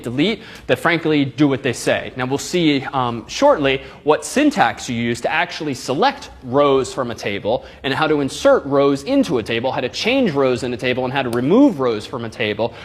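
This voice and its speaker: A man delivering a university lecture to students. He speaks in a lively, animated way, often dropping wry, self-deprecating asides between points. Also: mid-range voice.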